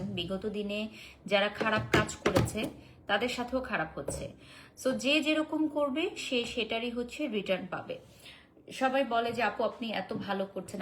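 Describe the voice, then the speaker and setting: A woman's voice: mid-range voice, slight background noise, poor audio. Chatty woman selling live. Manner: chatty, answers viewer comments, code-switches with English fillers. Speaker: live-stream seller. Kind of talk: casual live-stream sales pitch.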